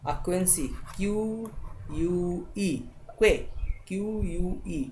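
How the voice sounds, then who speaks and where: A woman gives a spelling lesson, sounding words out slowly letter by letter and frequently checking with listeners by saying "thik hai." Her fairly low voice is a little mellow. There is slight background noise.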